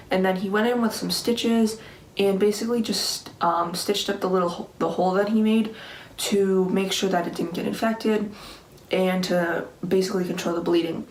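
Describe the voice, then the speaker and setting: Female vlogger, late teens, slightly low pitch, informal rambling storytime delivery, echoey room sound. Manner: rambling, conversational, peppered with "like". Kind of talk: casual personal storytime to camera. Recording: echoey room with faint background noise.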